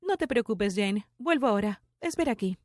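A woman voicing a middle-aged mother who is a secretive runaway thief, speaking in hushed, drawn-out explanations. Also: on the high side, lively intonation, no echo, natural voice. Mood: reassuring.

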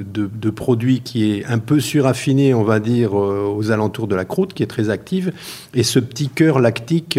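A man's voice: mid-range voice, darkish tone, slightly rough. Hesitant French-speaking man explaining. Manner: hesitant, many fillers, explains carefully. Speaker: cheesemaker interviewed about his cheese. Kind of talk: casual spoken interview.

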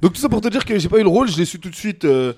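A man's voice: sits high, big pitch swings, very fast, a little mellow, slightly rough. A man co-hosting a podcast in casual chat, telling stories with self-mocking laughs.

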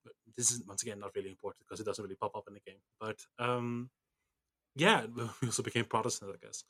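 A man's voice: on the low side, steady tone, fast talker, a bit bright, breathy edge. Rambling man on a podcast. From Netherlands. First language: Dutch. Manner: rambling, self-mocking tangents. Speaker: podcast co-host. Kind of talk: casual chat.

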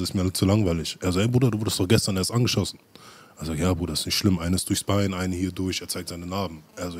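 Man, very low voice, husky, rapid casual storytelling, street slang. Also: a little mellow. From Germany. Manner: street slang, acts out quotes of others.

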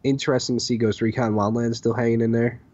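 A man's voice: medium pitch, flat delivery, quick pace, a little mellow, highs cut off. A man co-hosting a casual gaming podcast, reading out game lists with stumbles and laughs. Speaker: podcast co-host.

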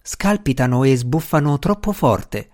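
A man voicing a male villager who speaks in a hushed whisper. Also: medium pitch, lively intonation, a little slow, close to an everyday voice. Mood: pleading.

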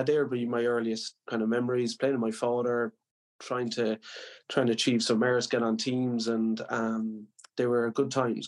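A man from Limerick with a west of Ireland accent, answering as a podcast guest in an earnest, modest, conversational way. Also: fairly low pitch. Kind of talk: casual interview reminiscence.

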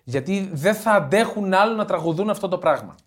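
A man co-hosting a loose football podcast, joking around and tripping over his words as he repeats himself. His voice sits a little high for a man, and he talks in a playful, easy way. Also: animated. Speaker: podcast co-host. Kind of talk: casual podcast chat about football.

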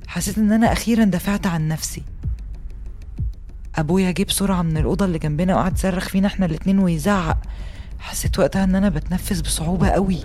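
A woman's voice: on the low side, darkish tone, natural voice. A woman with an Egyptian Arabic accent, voicing a young woman in her twenties who earnestly recounts a harsh mother in scripted first-person podcast narration. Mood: agitated. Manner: earnest and intimate storytelling, rising to agitation in retold fights. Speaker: voice actor reading a personal testimony.

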